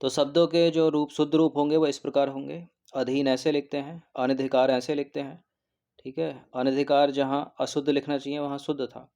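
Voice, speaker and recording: A man giving a recorded exam-prep lesson who explains each answer and repeats words slowly, often adding a quick "okay". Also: mid-range voice, darkish tone. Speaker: exam coaching teacher.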